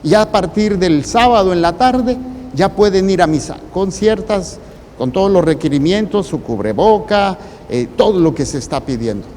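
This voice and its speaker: Male priest, Mexican accent, mellow tone, deliberate phrasing, long reverb and faint noise. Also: sits high, animated. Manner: deliberate, in short broken phrases with pauses. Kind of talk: preaching a sermon.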